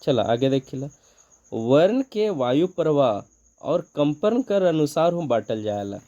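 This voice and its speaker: A man's voice: on the high side, very animated, unhurried, warm tone, dull audio. Man teaching with a Nagpuri accent. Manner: explains step by step, asks and answers his own questions. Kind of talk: exam-prep grammar lesson.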